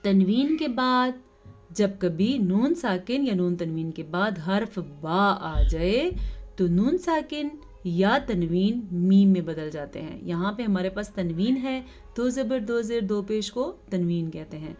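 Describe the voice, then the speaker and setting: Woman with a Pakistani Urdu accent, a tajweed teacher explaining rules patiently and modeling slow, stretched recitation. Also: mid-range voice, lively intonation, darkish tone, soft background music. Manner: patient step-by-step instruction, slow drawn-out recited words.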